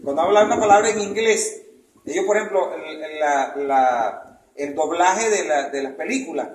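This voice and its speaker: A man's voice: fairly high pitch, normal speed. A man with a Venezuelan Spanish accent giving an informal talk as a chronicler, rambling and searching for words, often checking that his listeners follow. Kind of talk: informal lecture with questions. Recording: echoey room with faint noise.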